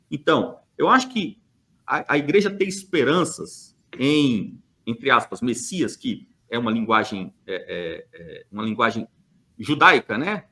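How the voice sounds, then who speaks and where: With a voice on the high side and a fairly bright tone, a Brazilian man argues his point on a church podcast. The monologue is emphatic and opinionated, full of rhetorical questions and hesitant filler words.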